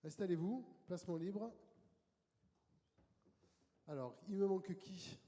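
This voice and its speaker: A man's voice: sits high, mellow. Man moderating in a reverberant hall. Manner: brisk and welcoming, directing guests. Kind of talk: conference moderating. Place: conference hall.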